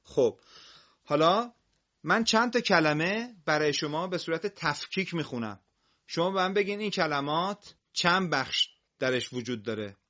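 Patient man teaching reading, bright lo-fi. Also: fairly high pitch, expressive. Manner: patient, drills single syllables loudly. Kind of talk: broadcast classroom lesson.

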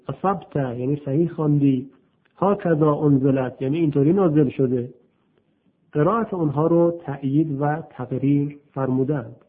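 A man with a fairly high, husky voice delivers a patient, explanatory religious lecture and keeps pausing to put rhetorical questions to his listeners. The sound is thin and phone-like, as on an old radio broadcast. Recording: tinny, phone-like radio recording.

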